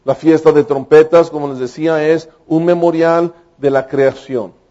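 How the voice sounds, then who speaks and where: A man's voice: on the high side, fairly even intonation, normal speed, warm tone. A man, preaching a sermon with emphatic, fervent delivery. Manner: emphatic, rising to fervent exclamations. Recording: dull lo-fi recording.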